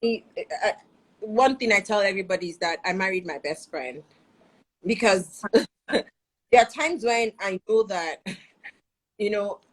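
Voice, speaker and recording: A woman, chatting in a lively, animated way in a casual conversation. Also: mid-range voice, unhurried, pauses often. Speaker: conversation partner.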